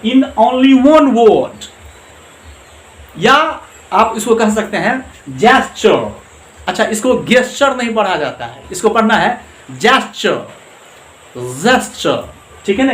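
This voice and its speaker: A man teaching English grammar, explaining slowly in Hindi mixed with English and often checking that his listeners follow. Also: sits high, fairly bright tone. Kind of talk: classroom grammar lesson. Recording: echoey room with faint noise.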